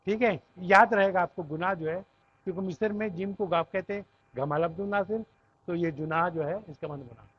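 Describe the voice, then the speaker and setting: A man's voice: high-pitched, breathy edge, lo-fi sound. A man from Pakistan teaching Arabic grammar in a patient classroom lecture, often checking that students follow. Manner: explains patiently, often checks with "theek hai?".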